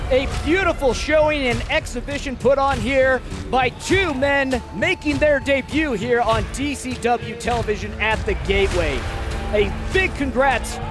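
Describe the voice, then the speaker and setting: A man giving live wrestling commentary as a booming, pumped-up announcer who often shouts. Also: a little slow. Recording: loud crowd and music behind. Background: cheering crowd, music, ring slams.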